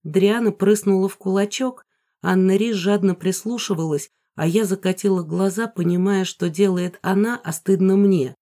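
An audiobook reader narrating a first-person story in an even storytelling manner. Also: medium pitch, moderate pace. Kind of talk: scripted narration.

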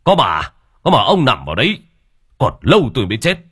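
A gruff old coffin maker who snaps and scolds, played by a male narrator. The voice rises above his usual low tone, loud and lively, with a husky grain. Close, dry audiobook sound. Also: unhurried, dry recording, heavily acted. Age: older.

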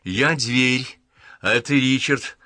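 A man reading an audiobook, voicing a brave young woman who talks in a lively, direct way. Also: mid-range voice, takes it slowly, no echo, pitched above the performer's own voice. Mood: bold.

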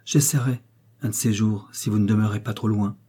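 A man reading an audiobook, voicing a gentle, compassionate young princess who speaks softly and pleadingly. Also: lowish voice, fairly even intonation, brisk, husky.

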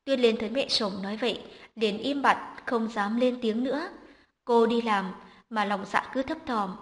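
A woman reads a dramatic family story aloud in a steady, scripted narration. Her voice sits fairly high and keeps an even, clear delivery throughout. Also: moderate pace, big-room sound.

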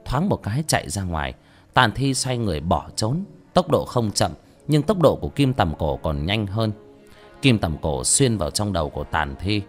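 A man narrating a fantasy novel as an audiobook, in steady storytelling that rises on action. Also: lowish voice.

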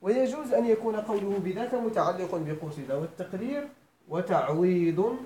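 Moroccan male grammar teacher, middle-aged, animated up-and-down delivery, checks in with the class often, roomy echo. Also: high voice, moderate pace, slight background noise. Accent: Moroccan Arabic. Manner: explains step by step, repeats phrases, checks students' understanding; switches between formal Arabic and Moroccan dialect. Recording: echoey room.

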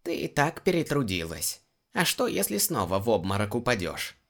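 A man's voice: on the low side, wildly swooping pitch, moderate pace, pitched above the performer's own voice. A male audiobook reader voicing a stern, teasing female shaman healer. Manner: scolding, teasing.

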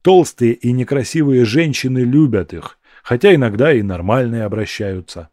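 A man's voice: mid-range voice, no echo, studio quality, lightly acted. A man doing a cheeky young hustler. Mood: explaining. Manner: quick, cheeky, excited.

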